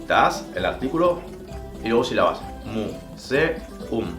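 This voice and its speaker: Man teaching slow pronunciation. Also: medium pitch, lively intonation, a bit bright. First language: Spanish. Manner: slow careful demonstration of words. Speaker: German teacher. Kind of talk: pronunciation lesson. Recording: roomy echo with faint music.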